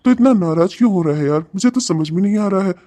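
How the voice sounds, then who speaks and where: In cartoon voice acting, a man plays an easygoing young friend who casually talks sense into his buddy in a coaxing, reasonable way. His voice is high, expressive and dark in tone, delivered at a quick pace.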